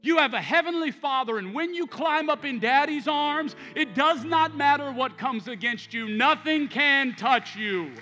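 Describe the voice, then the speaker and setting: A man's voice: very high-pitched, lively intonation, moderate pace, hardly any pauses. A man in his thirties preaching a sermon as pastor, impassioned and emphatic, mixing stories from home into his message. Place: large church sanctuary. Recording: church hall reverb with soft music.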